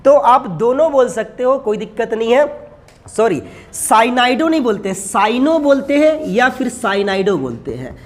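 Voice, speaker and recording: A male chemistry teacher lectures while writing on a board, repeatedly posing questions to the class and answering them himself. He addresses his students familiarly as son and brother. His voice is very high-pitched and sing-song, at a moderate pace.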